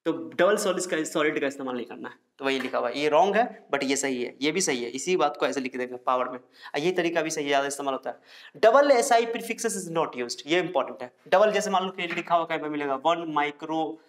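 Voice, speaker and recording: A man's voice: a little high, a little fast. A man teaching a science lesson, repeating each point and asking the class questions that he answers himself.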